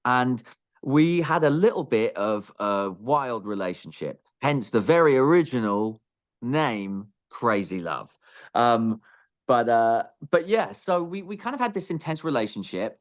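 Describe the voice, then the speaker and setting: A man's voice: mid-range voice, expressive, moderate pace. A young man from Greece raised in England, chatting animatedly as an interviewed musician, laughing often and restarting his sentences. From born in Greece, raised in England. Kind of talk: casual interview chat.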